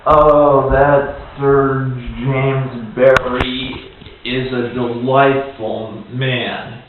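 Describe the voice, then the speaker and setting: A man playing a gentle children's show host who interviews a guest in a hesitant, stammering, halting way. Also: medium pitch, little pitch movement, far from the mic. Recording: tinny, echoey, from afar, faint hiss.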